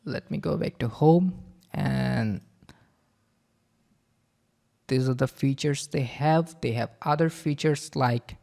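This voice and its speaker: A man giving a casual screen-recording tutorial, halting with many fillers and repeated okays. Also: mid-range voice, vocal fry, dark tone. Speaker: software reviewer.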